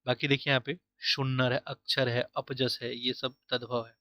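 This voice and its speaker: Teaching Hindi for an exam in an online prep lesson, a man asks himself questions and repeats each answer for drilling, using English words like "easily", "correct" and "option" within the Hindi. His mid-range voice is sharp and level, at a moderate pace.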